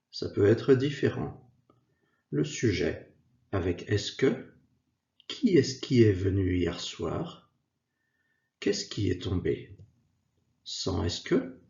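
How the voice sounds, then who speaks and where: Slow, gravelly-voiced man teaching French. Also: on the low side, a little mellow. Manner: slow, careful, clearly spaced example sentences. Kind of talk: slow scripted grammar lesson. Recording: echoey, dull lo-fi room sound.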